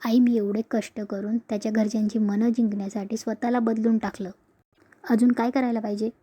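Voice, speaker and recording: A woman voicing a defiant young wife who argues her point step by step, reading slowly in her own voice. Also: fairly high pitch, little pitch movement, mellow, breathy edge.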